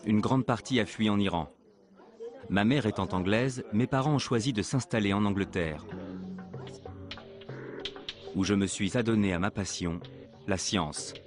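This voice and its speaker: A man dubbing a physics professor who presents a documentary, narrating in a calm, measured way. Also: fairly low pitch, natural voice. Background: music.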